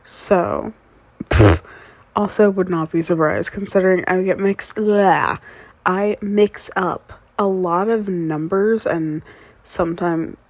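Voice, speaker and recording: A woman's voice: lowish voice, slow pace, a little mellow, no room sound. A woman in her twenties, raised speaking English and Spanish, rambling sleepily and casually with lots of fillers in a whispered role-play as a fiancée. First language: grew up speaking English and Spanish. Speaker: ASMR performer playing a fiancée.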